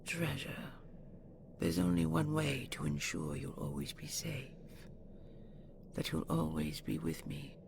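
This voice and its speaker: With a deep, animated voice over a noisy background, a woman performs a possessive, seductive dragon queen in an intimate audio roleplay. She whispers slowly in a breathy, gravelly way, doting yet imperious, heavily acted and possessive and vengeful in mood.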